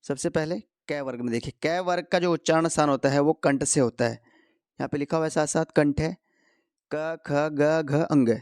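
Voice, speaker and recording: A man teaching Hindi grammar to exam students, going slowly, posing questions and answering them himself. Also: on the high side, darkish tone, dry recording, studio quality. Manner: slow, repeats key answers, asks and answers his own questions. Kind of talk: explanatory lesson for competitive exam students.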